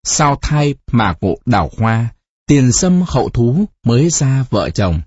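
A narrator voicing a calm village fortune teller who speaks in a slow, sing-song way. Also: medium pitch, husky, dry recording, highs cut off. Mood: chanting.

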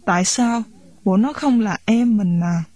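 A troubled teenage girl slowly confides her doubts to a friend, as a woman reading the story voices her. The voice is husky and breathy. The recording is dry and close. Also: medium pitch, mellow, no room sound. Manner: slow, pondering confession.

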